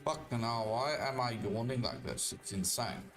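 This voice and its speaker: Casual game streamer. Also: male voice, mid-range voice, normal speed, music in the background. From South Africa. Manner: relaxed, chatty, thanks viewers. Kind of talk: casual live-stream commentary.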